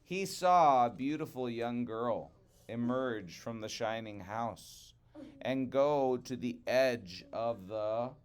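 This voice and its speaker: This is a male storyteller reading a picture book to children, medium in pitch with a clear, resonant tone. He takes his time and stresses words dramatically and expressively.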